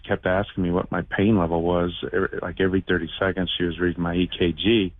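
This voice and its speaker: Male caller, fifties. Fairly deep register, casual and halting delivery, narrow telephone audio. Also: little pitch movement, dry recording. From United States. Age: 50s. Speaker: radio show call-in guest, shoemaker. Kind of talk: casual personal storytelling. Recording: muffled band-limited phone call.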